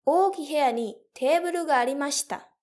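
A young woman teacher telling a story slowly and carefully for learners, with clear, deliberate phrasing. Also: sits high, darkish tone. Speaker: language teacher.

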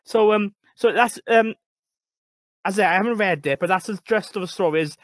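A man's voice: sits high, brisk, dry recording. A Welsh man, a librarian, chatting about books in a rambling, hesitant way, often repeating words. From Wales. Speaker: librarian, guest. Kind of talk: casual book chat.

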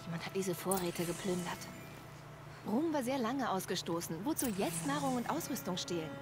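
An actress voicing a young woman hunter and heroine in a video game, speaking in a calm, composed, reassuring way. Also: medium pitch, normal speed, music in the background, lightly acted.

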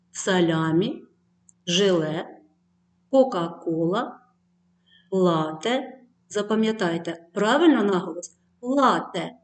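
A woman teacher giving a distance-learning lesson to schoolchildren, reading word lists clearly and addressing the pupils with tasks. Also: medium pitch, a little mellow.

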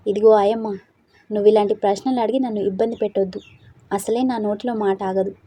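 A woman's voice: mid-range voice, fairly even intonation, brisk, dark tone, husky, close to an everyday voice. Woman doing a chatty joking young man. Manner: teasing, chatty.

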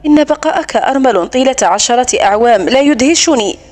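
A woman voicing a defiant, quick-tempered young noblewoman who answers with sharp, indignant retorts in a storybook reading. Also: high voice, animated.

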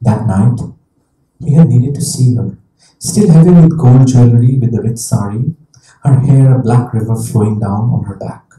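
A male author speaking reflectively onstage in conversation, with pauses and restarts, and reading passages of his novel aloud. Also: medium pitch, dark tone. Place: talk venue before an audience. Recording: roomy sound from a distant mic.

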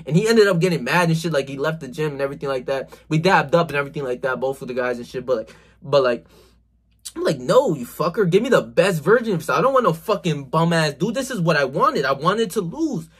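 Quick-paced and expressive, this self-improvement vlogger's voice is fairly high and slightly rough. Nearly twenty-one and in his 20s, he gestures heavily while delivering an emphatic, slang-filled pep talk to a phone camera in a small bedroom, full of swearing and "bro."

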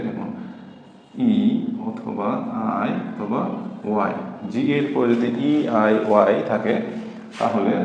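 A man teaching a phonics lesson, spelling words slowly letter by letter and repeating each rule. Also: on the low side, a little mellow. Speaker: English teacher. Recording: echoey room, dull lo-fi sound, faint hiss.

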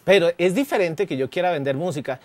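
High-voiced man, dry sound. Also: quick pace, no room sound. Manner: chimes in casually, gives examples. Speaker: course host. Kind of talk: classroom lecture.

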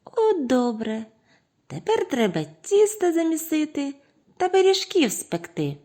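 A woman voicing two lazy, playful little mice in a children's audio tale, with high squeaky cries. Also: big pitch swings, measured pace, warm tone. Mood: eager.

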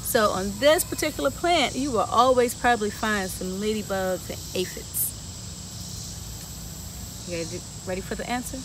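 A woman with a mid-range voice reads aloud from a picture book at a moderate pace to children on a garden bench outside, playfully asking them questions between rhymes. A camera a few feet away records her outdoors, and insect noise is clearly heard.

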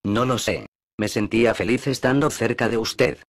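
A wounded naval captain, bitter and brooding, speaks low and dry, read by a man narrating a storybook. His lines come out heavy and sorrowful, recorded close with no room echo. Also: normal speed, vocal fry. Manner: gloomy, brooding delivery.

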